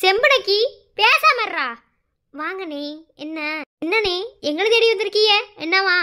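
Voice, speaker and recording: A voice actor playing a brash young village man in a cartoon, bantering cheekily and quick to threaten. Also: extremely high pitch, lively intonation, sharp tone, full character voice. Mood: cheeky. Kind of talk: cartoon voice acting.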